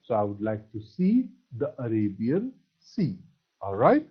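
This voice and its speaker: A man from Assam, India, with an Assamese accent, teaches an English grammar lesson, spelling words out and asking questions he then answers himself, praising with "very good." His voice is lowish with big pitch swings, a breathy edge, and a moderate pace. The recording is dull and lo-fi.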